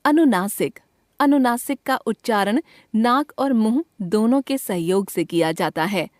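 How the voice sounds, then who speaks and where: A woman teaching from a school textbook, reading it out slowly and deliberately, spelling out each letter and example. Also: a little high, lively intonation, no echo, clean studio sound.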